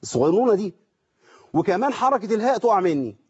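Fast-talking Egyptian man teaching recitation. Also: high-pitched, sing-song, darkish tone, slightly rough. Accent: Egyptian Arabic. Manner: asks questions and answers them himself. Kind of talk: tajweed lesson with recited examples. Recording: dull lo-fi sound.

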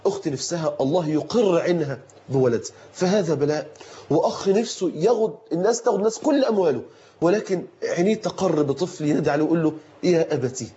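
A man preaching a sermon with an Egyptian accent, fervent and emphatic, repeating his phrases for force and rising at times to shouts. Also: on the high side, fast. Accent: Egyptian Arabic. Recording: dull lo-fi recording.

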